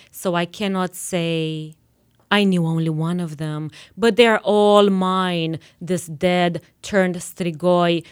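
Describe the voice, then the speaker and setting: A woman poet from Romania in her forties, reading her poems slowly and deliberately on a radio show. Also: fairly low pitch, clear, resonant tone. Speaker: poet guest. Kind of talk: poetry reading.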